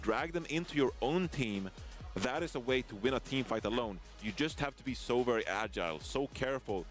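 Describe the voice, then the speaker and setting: Male esports caster, mid-pitched, energetic play-by-play with banter, faint music underneath. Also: a little fast. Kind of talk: esports commentary.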